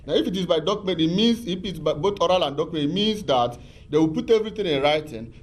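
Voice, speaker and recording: A man's voice: fairly high pitch, lively intonation, quick pace. A man explaining arbitration law as a guest on a TV talk show, patient and repetitive, with many fillers and restarts. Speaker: legal expert guest.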